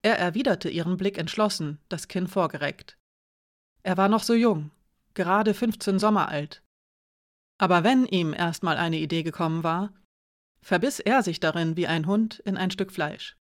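A woman narrating a fantasy audiobook in a calm, even storytelling manner. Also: fairly low pitch, normal speed. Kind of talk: scripted narration.

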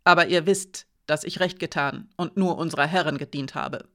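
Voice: medium pitch, normal speed, bright, forceful tone. An audiobook reader voicing an indignant young woman soldier who stands her ground. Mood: defiant. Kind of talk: audiobook character voice.

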